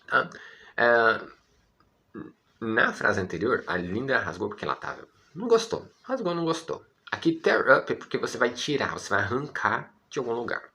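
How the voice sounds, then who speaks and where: A man's voice: medium pitch, big pitch swings, moderate pace, creaky, bright, forceful tone. A Brazilian man teaching English vocabulary in Portuguese, patiently repeating words and often checking in with his students.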